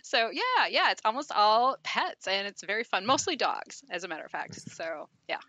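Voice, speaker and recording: Bright cheerful woman guest. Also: mid-range voice, sing-song, moderate pace, no room sound, dull audio. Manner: cheerful, laughs between sentences. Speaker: guest pet photographer. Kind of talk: casual interview.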